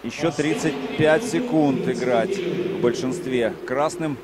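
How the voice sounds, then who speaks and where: A man giving live hockey play-by-play in a conversational way, pausing between short phrases. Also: medium pitch, heavy background noise. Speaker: hockey commentator.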